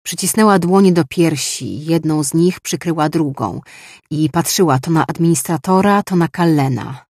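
Measured audiobook narrator, dry. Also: mid-range voice, a little mellow, no room sound. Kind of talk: scripted narration.

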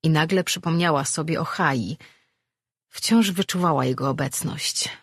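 An audiobook narrator reading a fantasy novel in a steady, measured way, in a dry studio recording. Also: mid-range voice, slightly rough, no echo.

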